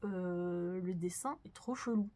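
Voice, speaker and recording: A woman's voice: on the low side, unhurried, warm tone. A young woman hosting a casual manga news talk to her viewers, chatty and candid, with frequent fillers. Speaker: manga news channel host.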